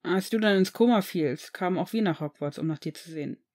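A woman reading the lines of a cheerful, friendly young man who runs a shop, in a gentle, reassuring tone. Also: lowish voice, brisk, close to an everyday voice. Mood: earnest.

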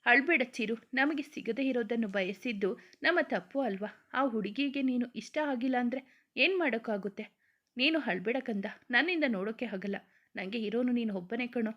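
A woman's voice: on the high side, normal speed, natural voice. A woman voicing a loving mother who soothes and pleads with her grieving son in a storybook reading. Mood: tender. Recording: dull lo-fi recording.

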